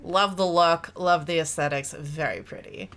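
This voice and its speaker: A woman's voice: low voice, normal speed. A woman streamer giving gushing, laugh-filled reaction commentary. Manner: animated, gushing, laughs often.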